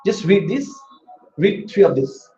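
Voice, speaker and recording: A man's voice: high-pitched, big pitch swings, measured pace, dark tone, faint music behind. A man teaching a law class in a classroom, explaining step by step and questioning his students. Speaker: law tutor. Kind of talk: classroom lecture. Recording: roomy, dull lo-fi classroom audio.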